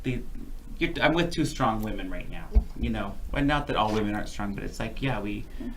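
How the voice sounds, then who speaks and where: A man's voice: lowish voice, expressive, a little fast, a bit bright, a little hiss or hum. A man co-hosting a casual talk show, speaking earnestly with many fillers and restarts. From Canada. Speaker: co-host. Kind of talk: casual chat.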